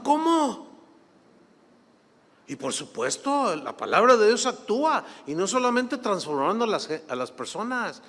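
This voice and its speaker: Animated high-voiced pastor preaching. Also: male voice. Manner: animated, acts out quoted voices, laughs while telling. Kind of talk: sermon with storytelling. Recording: long hall reverb.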